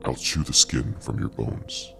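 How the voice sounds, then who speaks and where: A man voicing a possessed girlfriend talking in her sleep, low, gravelly and slowly menacing, in a horror story. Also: fairly bright tone, faint music behind, natural voice. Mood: slow menace. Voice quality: low, gravelly, barely human. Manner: sleep talking, slow and threatening.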